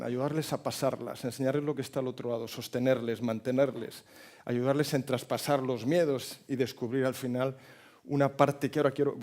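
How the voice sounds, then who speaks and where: Man in his 50s, Spain Spanish accent, speaker at a forum, animated storyteller who works the audience. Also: medium pitch. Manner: animated, jokes with the audience and asks it questions. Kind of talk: motivational talk with storytelling.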